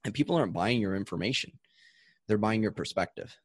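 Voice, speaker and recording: Guy coaching authors in an interview, lowish voice, dry close sound, keen and chatty. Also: quick pace, husky, no room sound. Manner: enthusiastic, explanatory, with restarts. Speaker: audiobook coach and guest. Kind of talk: conversational interview.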